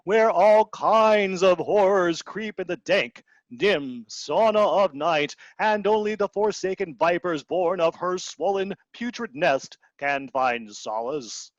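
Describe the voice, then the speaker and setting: In an absurdist radio play, a middle-aged man plays a grandiose, anguished castaway stranded and given to doom-laden lament. His voice sits fairly high for a male, and he speaks in an unhurried, theatrical, declamatory manner with an ominous mood. The sound is dull and dry, like a video-call headset, with no echo.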